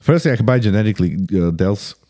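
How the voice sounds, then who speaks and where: Podcast guest, man, 30s: low voice, laid-back, calls everyone "bro", restarts mid-thought. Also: lively intonation, mellow. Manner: casual, sprinkles "bro" constantly; halting restarts while thinking. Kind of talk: casual podcast chat.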